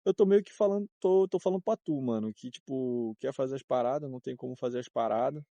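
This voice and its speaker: A Brazilian travel vlogger in his twenties talks fast in a mid-range, gravelly, mellow voice, rambling in a slangy, laid-back way and often laughing or wandering off topic. He is outdoors in a cold wind. The recording is dry and muffled.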